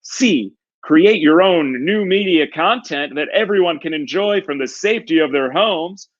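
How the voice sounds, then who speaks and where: A man playing a smug, theatrical TV game show host with a booming prize-announcer delivery and drawn-out build-ups. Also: animated, muffled recording. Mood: showy, glib.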